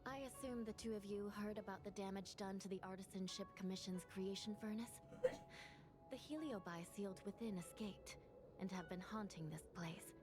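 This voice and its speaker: An actress voicing a calm, composed female court clerk in a game who explains things in a measured, formal way. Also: mid-range voice, close to an everyday voice. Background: game music.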